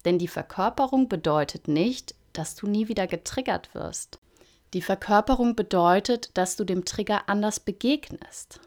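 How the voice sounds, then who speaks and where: A woman's voice: mid-range voice, moderate pace, darkish tone. A woman speaking as a coach in an earnest, searching, self-disclosing monologue. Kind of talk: reflective monologue.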